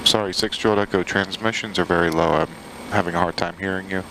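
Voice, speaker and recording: A man's voice: low-pitched, quick pace, gravelly. A man flying a flight simulator, reading checklists and making pilot radio calls in a procedural, matter-of-fact way. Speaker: flight sim streamer, pilot. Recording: steady aircraft engine noise. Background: simulated turboprop cockpit noise.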